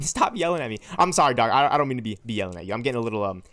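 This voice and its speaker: A man's voice: mid-range voice, very animated, rapid-fire, a bit bright, soft background music. A man in his twenties streaming a game and rambling passionately to his chat, tagging lines with "right?" and "you know what I'm saying?". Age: 20s. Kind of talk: livestream chat with viewers.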